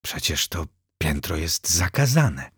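Dude doing a jumpy young maid girl, kinda husky, pitched up a bit. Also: big pitch swings, slow pace, a bit bright, no echo, studio quality, heavily acted. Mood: flustered. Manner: flustered and anxious. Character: nervous, irritable young woman, hotel maid.

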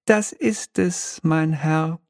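A man's voice: a little high, very slow, creaky, darkish tone, no room sound, clean studio sound, voice pushed up, exaggerated voice. A man reading an audiobook, voicing an oily, pompous male demon bailiff from hell with unctuous, mock-polite formality.

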